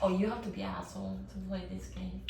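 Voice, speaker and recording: A woman's voice: medium pitch, flat delivery, fast, creaky, noisy background. A Korean woman with an accent, a vlog host at home explaining food and a board game to her partner in simple, playful English. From South Korea.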